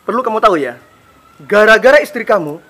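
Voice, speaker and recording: Harsh, belittling shopkeeper neighbor played by a man; husky and high-pitched. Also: lively intonation, quick pace, bright, forceful tone, full character voice. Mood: scolding. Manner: scolding, belittling. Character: harsh scolding male shopkeeper neighbor, rude creditor. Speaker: neighbor shop owner. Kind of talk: web drama acting.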